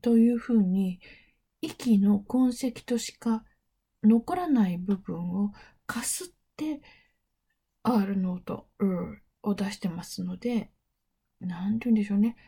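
Mellow husky woman teaching calmly. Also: mid-range voice, takes it slowly. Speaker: English interpreting teacher. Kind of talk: explanatory lecture.

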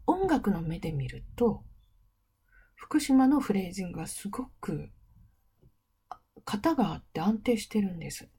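Woman, middle-aged, husky, mellow, chatty teacher, playful asides. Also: medium pitch. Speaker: host of an interpreting training program. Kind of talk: casual lecture-style talk.

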